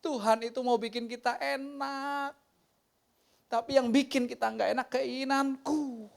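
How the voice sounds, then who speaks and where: Male pastor, church sermon, animated and joking, casual slang. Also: very high-pitched, a little slow, gravelly. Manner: humorous, animated storytelling with slangy asides. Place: church sanctuary.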